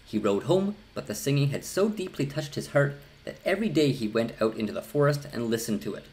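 A man's voice: medium pitch, expressive, brisk, a little mellow. A middle-aged man reading a fairy tale aloud as scripted storybook narration. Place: small indoor room.

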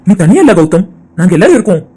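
A man voicing a gentle, consoling young friend. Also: high voice, racing, husky, full character voice. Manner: calm, consoling. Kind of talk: cartoon voice acting.

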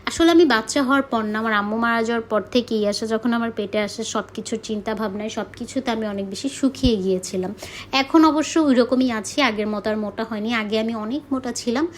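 A young woman from Bangladesh talks through her day in a chatty vlog voice-over, slipping English words into her sentences. Her voice sits a little high. A faint hiss of ambient noise runs underneath. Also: brisk. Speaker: vlogger. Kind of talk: casual vlog voice-over narration.

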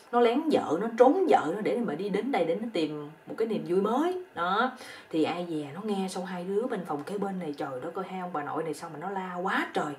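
A woman with a Southern Vietnamese accent telling a comic story in a rapid, chatty, colloquial way. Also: lowish voice, darkish tone, far from the mic.

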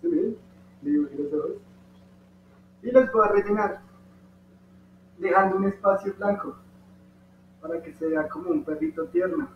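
A man with a high voice and a Colombian Spanish accent walks children through folding and coloring a paper dog, checking in with them often. He sounds distant from the microphone, in a roomy space. The recording is dull, with a faint hum underneath. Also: very animated, moderate pace, pauses often. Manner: patient, encouraging, talks to the kids directly. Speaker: origami instructor. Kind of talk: step-by-step craft tutorial for children.

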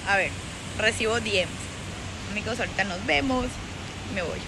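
At a medium pitch and moderate pace, a young adult Colombian woman from Antioquia chats playfully in her paisa accent, vlogging into a phone at arm's length. The casual selfie chat moves from an outdoor beach to a club, with noise in the background.

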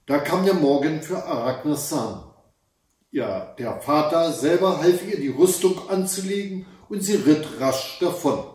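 A male storyteller reads a fairy tale aloud at an unhurried pace, his pitch moving lively through the sentences. The recording is heavily echoey, as if captured from across a bare room. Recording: echoey room, far from the mic.

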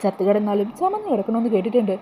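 A woman's voice: medium pitch, very animated, very fast, warm tone, a little hiss or hum, lightly acted. A woman reading as a menacing young groom. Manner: threatening, taunting. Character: menacing young man, a groom threatening his bride.

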